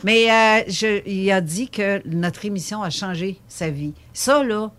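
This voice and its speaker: A woman's voice: mid-range voice, measured pace, a bit bright. A woman with a Québécois French accent, co-hosting a podcast in a chatty, teasing way. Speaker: podcast co-host. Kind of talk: casual chat.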